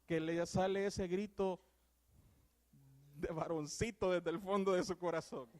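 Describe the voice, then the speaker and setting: A young man with a Salvadoran Spanish accent preaching a sermon in church. He swings from loud exclamations to hushed, earnest tones. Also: high-pitched, steady tone, a little slow.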